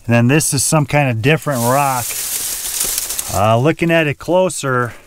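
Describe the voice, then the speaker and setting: A man's voice: fairly high pitch, a bit bright, a little hiss or hum. A man narrating his own outdoor prospecting vlog at an abandoned mine, thinking aloud and pointing things out as he goes. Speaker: gold prospecting vlogger.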